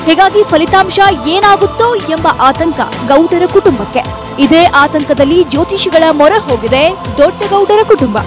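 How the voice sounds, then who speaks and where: A woman's voice: very high-pitched, animated, normal speed, over music. A woman reporter with a Kannada accent reading a scripted news voice-over with dramatic, punchy delivery.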